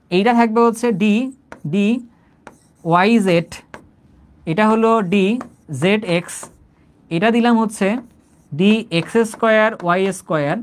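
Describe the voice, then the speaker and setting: Male tutor, rapid and chatty online lecture, keeps asking if it's clear. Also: sits high. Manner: conversational, repeats phrases, checks understanding often. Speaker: chemistry teacher.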